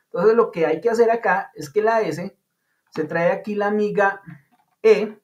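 A man with a high voice and moderate pace teaches an online English class, explaining things patiently and chattily with playful comparisons. It's captured over a video call, so the audio is dull and lo-fi.

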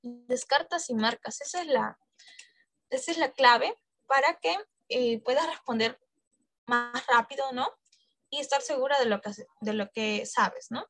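A woman's voice: high-pitched, a little slow, a bit bright. A woman teaching an English exam-prep class, coaxing students and checking in with frequent questions.

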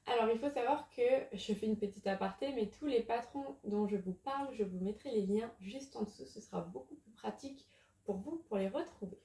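A woman's voice: on the high side, a little fast, mellow. A woman talking casually about crochet patterns, chatty and often hesitating with fillers. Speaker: crochet YouTuber. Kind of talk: casual chat. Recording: echoey room.

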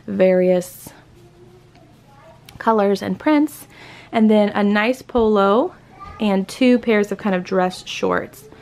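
A woman's voice: mid-range voice, gravelly, darkish tone. A woman in her thirties chatting casually as she packs for a trip, listing each item as she goes. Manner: chatty, lists items while packing. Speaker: vlogger. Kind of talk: casual packing vlog narration. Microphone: camera pointed down at items, speaker off-screen.

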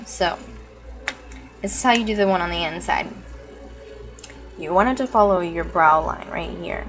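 A woman talking through a makeup tutorial in a casual, chatty way, often joking at herself. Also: mid-range voice.

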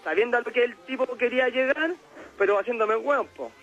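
Un hombre con acento chileno que llama a la radio y cuenta una historia personal con mucha jerga, divagando y riéndose seguido. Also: male voice, very high-pitched, a little fast, a bit bright, muffled recording. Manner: slangy, rambling, laughs often. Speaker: caller. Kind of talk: telling a personal story on call-in radio.

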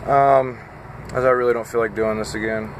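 A man in his thirties, a truck driver, chatting casually and haltingly with lots of fillers while tired and a bit scattered, filmed on a phone at arm's length in his parked cab. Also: mid-range voice, steady tone, a little hiss or hum. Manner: rambling, halting, with frequent fillers. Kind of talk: casual vlog chat. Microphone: phone camera at arm's length.

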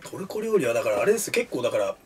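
A man's voice: medium pitch, sing-song, racing, a little mellow, recorded from a distance, a little hiss or hum. A young man chatting casually over food in a blunt, joking, informal way, recorded by a camera across a kitchen table. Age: young adult. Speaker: cooking show host. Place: small cluttered kitchen, indoors.

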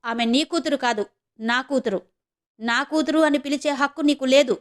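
A woman's voice: sits high, fairly even intonation, moderate pace, natural voice. A woman reading as a fierce adoptive mother. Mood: indignant. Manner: scolding, indignant. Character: angry, protective adoptive mother, adult woman.

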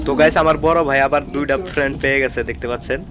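Quick man filming outdoors. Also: mid-range voice, fairly even intonation. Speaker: travel companion. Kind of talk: casual vlog commentary. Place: outdoors at a tourist site. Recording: noisy outdoor phone recording.

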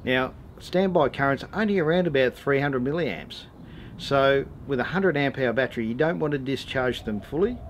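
There's noticeable ambient noise as an Australian man in his forties, the host of a four-wheel-driving how-to channel, works outdoors in a driveway and around vehicles. He gives a casual, matter-of-fact DIY tutorial in laid-back slang. His mid-range voice is animated, at a normal speed.

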